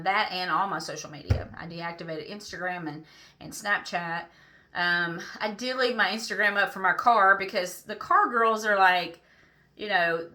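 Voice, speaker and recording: A middle-aged woman, tearful and halting, speaking unscripted to friends in a personal video. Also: on the low side, pushed and bright. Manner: emotional, halting, many restarts and fillers. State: tearful, close to crying. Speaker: vlogger.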